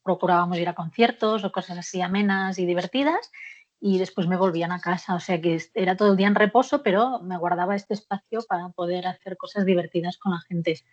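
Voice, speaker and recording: A woman with a lowish voice speaks a little quickly on a lo-fi recording. She's a memoir author appearing as a guest in a candid interview about her own life, talking frankly and warmly with lots of hesitant fillers. She laughs often as she goes.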